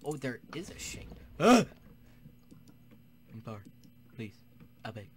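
A man's voice: medium pitch, big pitch swings, slow pace, a little hiss or hum. A young man giving crude, joking gaming commentary, swearing often and dropping into whispered asides. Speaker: gaming YouTuber. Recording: keyboard clicks and typing behind voice.

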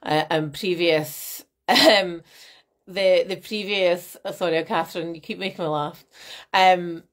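Her voice is fairly low and unhurried as this nutrition coach chats through a live masterclass to viewers. She broadcasts from a small home room on her laptop webcam mic, staying animated, gesturing plenty and calling out viewers by name.

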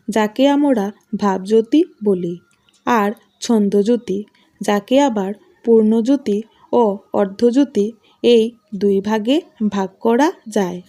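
A woman teacher reading out exam study notes as slow, measured dictation of points. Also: a little high, dark tone.

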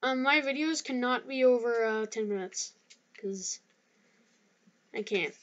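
A woman's voice: on the high side, measured pace, highs cut off. A young woman casually chatting while playing a game, hesitant and restarting her sentences. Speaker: gaming youtuber. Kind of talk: casual gameplay chat.

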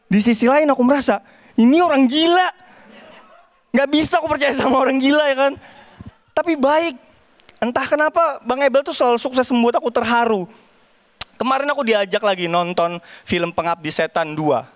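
Brief: young man, very high voice, animated stand-up with sound effects, TV stage. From Kalimantan, Indonesia. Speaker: stand-up comedian. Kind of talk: stand-up set. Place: TV studio stage with audience.

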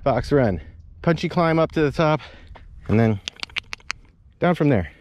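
Brief: easygoing man vlogging a mountain bike ride, slightly high voice, camera mic outdoors. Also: expressive, unhurried, loud music behind the voice. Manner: chatty, joking, rambling asides. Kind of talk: casual trail narration while riding. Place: outdoor canyon trails.

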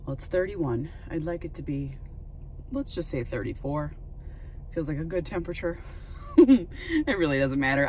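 A deep-voiced woman in her thirties, recorded with slight background noise, narrates a casual vlog on a handheld phone camera. She's a flower farmer working outdoors on her farm in the cold, and part of it is shot in a car. She's chatty, thinking aloud and adding self-correcting asides.

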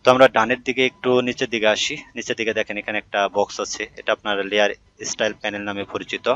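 A man giving a relaxed, screen-recorded software tutorial, talking the viewer through each step with frequent hesitations. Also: fairly low pitch, racing, lo-fi sound. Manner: conversational, many hesitation fillers, addresses viewer directly.

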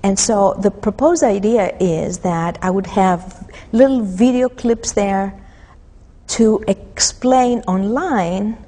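A woman in her fifties from Greece, a mythology instructor answering interview questions thoughtfully, pausing often with fillers. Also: medium pitch, warm tone, big-room sound. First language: Greek. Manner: thoughtful, many pauses and fillers. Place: empty auditorium. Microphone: lapel.

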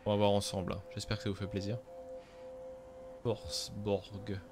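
A man's voice: lowish voice, monotone, very fast, music in the background. A man streaming a game, chatting casually with viewers and cracking self-mocking jokes. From France. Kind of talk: casual gameplay commentary.

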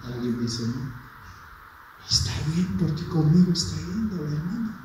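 High-voiced impassioned pastor. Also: male voice, expressive, unhurried. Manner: impassioned, swings from quiet asides to shouted peaks. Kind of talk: sermon. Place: church hall. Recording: very echoey church hall, mic far off, faint noise.

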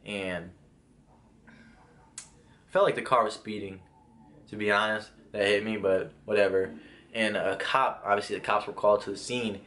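A man's voice: on the low side, fairly even intonation, measured pace, pauses often, fairly bright tone. A young man casually telling a personal story, rambling with restarts and lots of filler words. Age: young adult. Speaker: vlogger.

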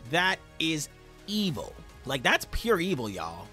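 A man hosting a casual manga chapter review, chatty and animated, often calling his viewers y'all. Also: fairly high pitch, takes it slowly, faint music behind. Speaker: manga review channel host.

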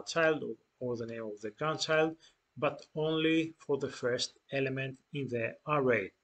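A young man calmly walking through a software tutorial step by step, with frequent fillers and restarts. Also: medium pitch. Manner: unhurried, explaining step by step with many fillers and restarts. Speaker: data engineering tutor. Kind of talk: screen-share tutorial walkthrough.

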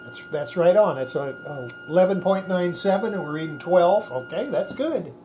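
Working at his bench, this older repairer presents a radio restoration with relaxed, down-home commentary. His mellow mid-range voice swoops wildly in pitch at a moderate pace, and the workshop camera picks up noise and clicks.

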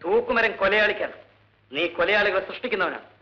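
A man's voice: high-pitched, lively intonation, fast, pushed and bright. An actor playing a stern male police officer who lectures a prisoner. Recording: dull old film soundtrack.

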